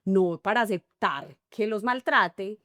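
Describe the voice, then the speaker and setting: Woman, middle-aged, Colombian paisa accent, expressive interview guest, dry close sound. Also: medium pitch, takes it slowly, no room sound. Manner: animated, acts out little dialogues. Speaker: guest, enneagram coach. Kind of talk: conversational interview.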